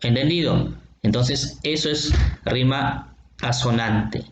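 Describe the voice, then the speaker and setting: A man teaching a recorded lesson, patient and explanatory, often checking in with his listeners and sounding out words slowly syllable by syllable. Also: medium pitch, a little hiss or hum. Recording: roomy, dull lo-fi sound with faint ambience.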